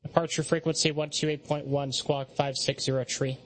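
Guy doing air traffic control radio calls, clipped procedural wording, really monotone. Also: a little high, a little fast.

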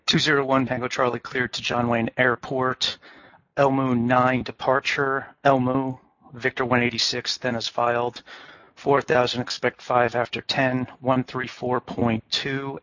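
Monotone male pilot, dry lo-fi radio. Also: mid-range voice, normal speed, no echo. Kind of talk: clipped radio readbacks. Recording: dull lo-fi radio audio.

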